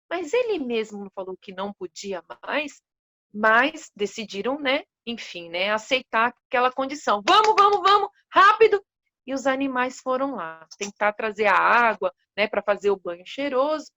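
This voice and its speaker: A woman with a Brazilian Portuguese accent telling a children's story, animated and expressive, with gasps. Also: high-pitched, dry recording.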